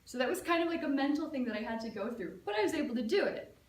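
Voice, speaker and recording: A young American woman, a student, delivers a prepared speech telling a personal story, though she sounds casual and chatty, filling it with "like" and "um." Her high voice is quick with lively intonation, recorded from a distance in an echoey room with faint ambience.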